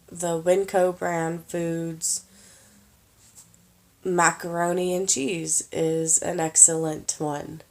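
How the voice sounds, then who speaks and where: A tired woman giving casual budgeting advice in a vlog, slow and halting with lots of pauses and fillers. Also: sits low, a little mellow. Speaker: vlogger.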